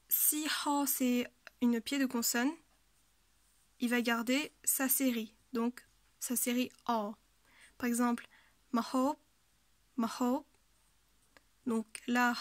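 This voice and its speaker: A woman's voice: on the high side, dry recording. A woman teaching a language lesson, patiently explaining pronunciation rules and repeating example words, with frequent hesitations.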